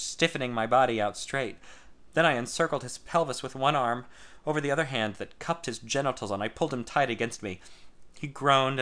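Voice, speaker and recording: A man reading a first-person story aloud in a measured, intimate storytelling manner. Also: medium pitch, pushed and bright.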